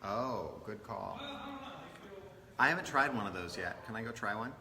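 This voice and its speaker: A man's voice: on the low side, animated, moderate pace, creaky, sharp tone. A man co-hosting a morning show, chatting cheerfully and casually off air in a large TV newsroom. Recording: reverberant newsroom with audible background noise.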